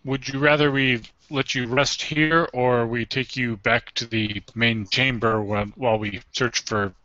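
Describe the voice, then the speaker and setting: Bright, dry-humoured male player. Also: mid-range voice, steady tone, unhurried. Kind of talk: playing a tabletop game in character. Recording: muffled lo-fi recording.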